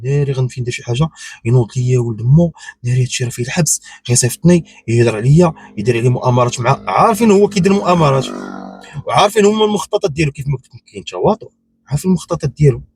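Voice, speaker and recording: A man's voice: medium pitch, animated, very fast, darkish tone, breathy edge, no echo. A man with a Moroccan accent giving unscripted opinion commentary, insistent and repetitive, firing off rhetorical questions. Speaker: YouTube commentator.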